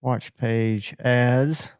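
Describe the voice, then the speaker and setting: A man's voice: mid-range voice, steady tone, drawn-out words, clear, resonant tone, no room sound, dull audio. A man hosting a casual live stream, rambling and talking to himself as he checks his screens. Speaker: livestream host.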